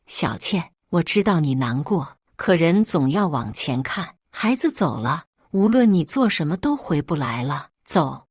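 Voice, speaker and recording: Woman lowering her voice for a gentle husband. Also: big pitch swings, measured pace, few pauses, breathy edge, no room sound, studio quality, exaggerated voice. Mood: soothing. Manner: soft, coaxing. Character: gentle soothing young husband.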